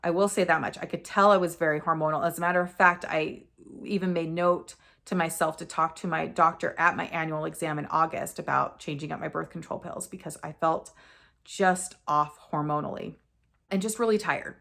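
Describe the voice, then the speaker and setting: A woman in her forties talks straight to the camera in an earnest, candid way. Her voice sits on the low side and has a gravelly fry. She often stops to correct herself mid-sentence. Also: fairly even intonation, fairly quick, a bit bright. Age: 40s. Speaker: vlogger sharing a personal story. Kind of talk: casual personal storytelling to camera.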